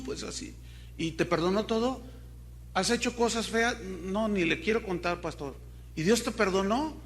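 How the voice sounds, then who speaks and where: Pastor guy preaching, high bright voice, throws questions at the crowd. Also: slight background noise. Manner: preaches with dramatic swings, asks the congregation questions. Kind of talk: sermon.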